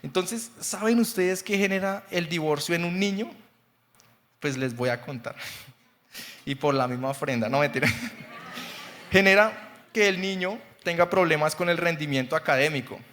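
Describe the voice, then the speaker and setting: Young Bogotá preacher in his twenties, slightly high voice, chatty testimony sermon, long hall reverb. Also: moderate pace, long pauses, a bit bright, a little hiss or hum. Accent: Bogotá Colombian Spanish. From Colombia. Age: 20s. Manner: chatty, laughs often, frequent "¿sí?" checks. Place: church sanctuary.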